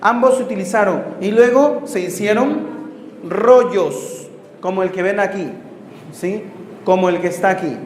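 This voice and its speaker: A man, a missionary priest, teaches a Bible course to a class. He asks rhetorical questions, corrects himself and pauses to write on the board. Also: high voice. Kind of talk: classroom lecture with questions to students. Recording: roomy hall reverb, faint background noise.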